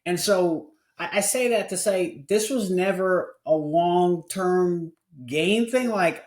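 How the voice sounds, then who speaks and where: A man's voice: high voice, slow, echoey room. A man of forty hosting a podcast, talking candidly and earnestly in casual conversation, often restarting his sentences. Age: 40s. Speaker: podcast host.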